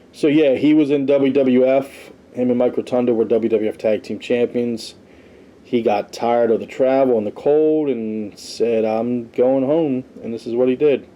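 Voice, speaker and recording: Soft and mellow, with a middling pitch, a man hosts a laid-back podcast on wrestling history. He works through a ranked list conversationally, dropping in personal asides along the way.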